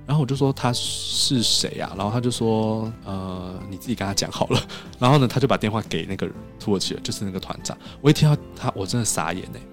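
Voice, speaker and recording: Man, casual podcast storytelling, rapid delivery, studio recording, faint music underneath. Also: lowish voice. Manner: animated, acts out quoted dialogue.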